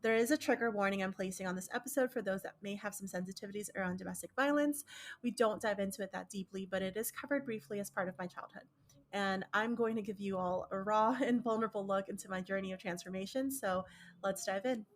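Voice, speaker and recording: A woman's voice: mid-range voice, fast talker, slight background noise. A woman from the Philippines reading her upbeat, emphatic podcast intro as the host.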